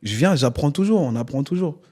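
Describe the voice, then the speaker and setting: A man whose first language isn't French tells stories as a guest in a casual podcast studio interview. He's a stage performer, speaking fairly quickly at a fairly high pitch, animatedly acting out the voices of people he quotes and constantly saying "tu vois".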